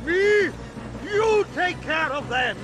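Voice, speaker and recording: Pompous cartoon pirate captain, high swoopy voice, draggy slow delivery, game music under it. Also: male voice, lively intonation, exaggerated voice. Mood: panicked. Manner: blustering, then panicky and whining. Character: pompous male pirate captain, theatrical villain. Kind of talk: game cutscene voice acting.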